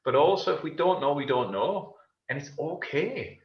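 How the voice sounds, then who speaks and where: A man's voice: a little high, lively intonation, normal speed. Man, regional English accent, emphatic, plain-spoken, echoey room, dull audio. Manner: plain-spoken, emphatic, tells stories about his kids. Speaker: coach and public speaker. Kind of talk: casual panel discussion. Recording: roomy, dull remote audio.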